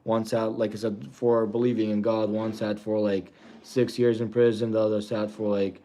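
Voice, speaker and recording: A man's voice: lowish voice, little pitch movement, moderate pace, mellow. A man in his forties, born in Russia and raised in the US, chatting casually on a trading livestream, rambling and thanking viewers with frequent chuckles. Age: 40s.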